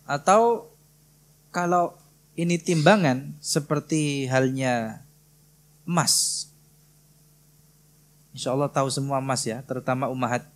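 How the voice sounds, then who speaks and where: A man from Indonesia teaching Quran recitation in a prayer hall, patiently drilling and gently correcting students. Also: mid-range voice. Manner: slow, patient, drills students by repeating syllables. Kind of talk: tajwid lesson with live correction.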